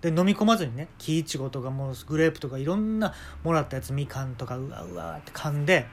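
A man with a Kansai accent telling an absurd story in a casual, deadpan, rambling way with many asides. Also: fairly high pitch, fast, vocal fry. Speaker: podcast talker.

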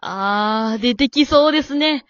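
A woman's voice: fairly high pitch, measured pace, no echo, close to an everyday voice. A woman voicing a stern, composed elderly wife in an amateur radio drama, polite and cool with a scolding edge. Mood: calm. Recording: dull dry lo-fi recording.

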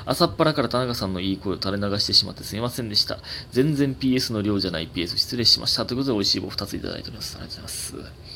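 A man's voice: fairly low pitch, very fast, vocal fry, a little hiss or hum. A man in his twenties with a Kansai accent, hosting a casual solo talk show and reading letters in a rambling, filler-heavy way. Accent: Kansai Japanese. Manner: rambling, chatty, many fillers, swings up in excitement. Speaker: podcast host.

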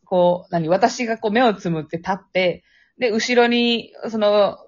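Recorded on a phone app with a dull, lo-fi quality, this podcast co-host is a young woman with a Kansai accent. She speaks at a medium pitch and a little slowly, chatting away, laughing often, and mimicking phone voices while she spins a spooky tale.

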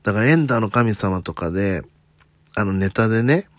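On his solo talk podcast, a comedian from Osaka speaks at normal speed in a fairly low, expressive voice. He uses slightly Tokyo-leaning standard Japanese with faint Kansai traces, chatting in a self-deprecating way with lots of "un" fillers and joking asides. The studio-quality recording is dry.

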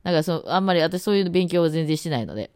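A woman's voice: on the low side, lively intonation, racing, darkish tone, clean tone, no room sound, clean studio sound. A woman with an Osaka accent chatting casually on her own podcast, rambling with many fillers and trying words out aloud. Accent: Osaka dialect. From Osaka, Japan. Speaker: radio talk host and musician. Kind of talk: casual solo podcast chat.

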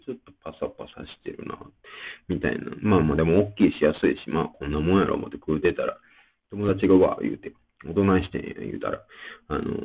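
A man's voice: sits low, vocal fry. A man with a Kansai accent, hosting a casual solo talk show and rambling chattily with plenty of fillers. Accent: Kansai Japanese. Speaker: podcast host. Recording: tinny phone-like sound.

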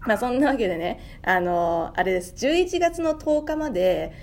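A woman hosting a casual podcast over a remote call, laughing often and reading out results in a brisk announcing manner. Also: fairly high pitch, animated, noisy background. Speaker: podcast host.

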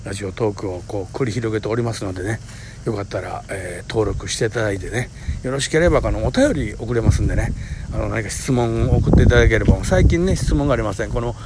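A man's voice: on the low side, fast talker, noisy background. A man in his forties with a Kansai accent, hosting a solo talk show, telling a story with vivid sound words and self-mocking humor. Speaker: podcast host.

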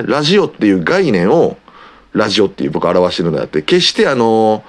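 Chatty low-voiced man with an Osaka accent. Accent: Osaka Kansai. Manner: chatty and rambling, many filler pauses. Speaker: podcast host, pro wrestler. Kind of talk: casual solo radio-style talk.

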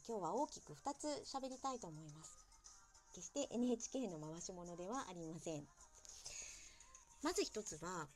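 A young woman talks on her own in a casual, chatty way, poking fun at herself as she goes. Her pitch swings widely and stays animated. Soft music sits faintly in the background. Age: young adult. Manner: chatty, self-deprecating, lively asides. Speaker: podcast host. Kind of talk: casual solo talk about a TV drama.

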